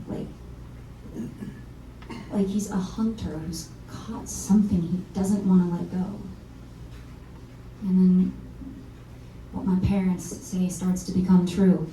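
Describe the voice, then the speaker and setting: An actress playing a blunt, self-mocking singer-songwriter of around thirty who has come back home. She confides and swears casually in a very dark, mellow voice. She is heard from a distance in a roomy venue, with a faint instrument playing behind her. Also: medium pitch, a little hiss or hum, close to an everyday voice. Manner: frank, wry, confessional, swears casually. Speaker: lead actor in a one-woman musical. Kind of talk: stage monologue at a live reading. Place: small performance venue.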